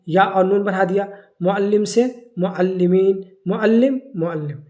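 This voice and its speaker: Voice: medium pitch, warm tone. Teacher drilling grammar through questions. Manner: asks the class questions and answers them himself; repeats key words slowly for drilling. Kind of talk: grammar lesson.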